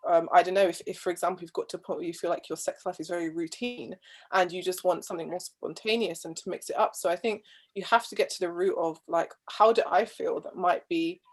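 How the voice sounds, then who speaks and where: A woman's voice: lowish voice, fairly even intonation, fast talker. A woman, a guest speaker on marriage, heard over a video call with a patchy connection, talking earnestly and restarting her phrases often. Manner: thoughtful and earnest, with frequent restarts and trailing phrases. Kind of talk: conversational discussion.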